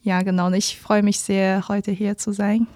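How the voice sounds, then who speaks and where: A woman's voice: medium pitch, level tone, normal speed, warm tone, dry recording. A woman in her twenties from China, a native Chinese speaker with a Chinese accent, telling her story as a guest in a studio interview, careful and with many fillers. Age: 20s. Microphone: studio mic.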